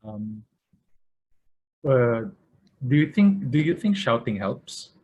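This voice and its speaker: A man's voice: medium pitch, very animated, takes it slowly, darkish tone, breathy edge. A man giving brief, hesitant answers to a lecturer's questions.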